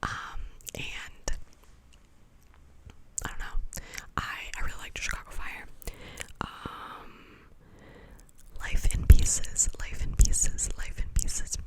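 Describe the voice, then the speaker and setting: A woman doing a fast whispered ASMR ramble in a breathy, clicky whisper, casual and slangy, wandering from thought to thought. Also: warm tone. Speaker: ASMR video creator.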